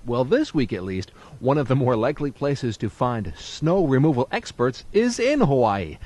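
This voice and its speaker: A man with a medium, slightly mellow voice works as a radio DJ in a studio, delivering playful, folksy announcer patter for a 1980s music show. He's recorded on a studio broadcast microphone.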